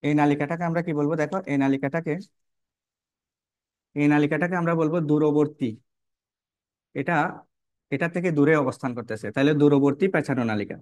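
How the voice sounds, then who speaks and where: A man walks students through a diagram in a recorded lesson. His voice sits a little high for a man, and he keeps asking questions and repeating each term. The sound is close and dry, with no room echo. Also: a little fast, long pauses, a little mellow, highs cut off. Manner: repetitive, checks in with "কেমন?" and rhetorical questions. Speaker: biology teacher. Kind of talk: online lesson, explaining while drawing.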